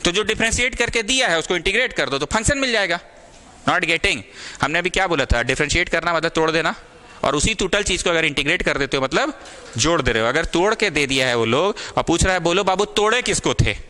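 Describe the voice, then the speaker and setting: Speaking quickly in a slightly high, bright, pushed voice with lively intonation, this young man tutors a small maths class. He blends Hindi with English and tells off his students affectionately.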